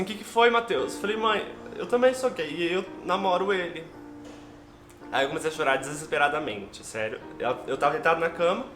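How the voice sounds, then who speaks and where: A man's voice: fairly high pitch, fairly bright tone. A young man with a Brazilian Portuguese accent, telling a personal story to his viewers in a heartfelt, emotional way. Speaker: vlogger. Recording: echoey room with background music.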